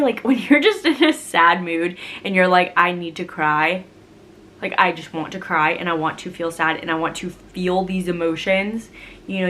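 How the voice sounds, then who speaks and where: A woman's voice: fairly low pitch, fairly bright tone, a little hiss or hum. A young woman vlogger in a casual chat answering viewer questions, rambling and chatty with frequent laughs.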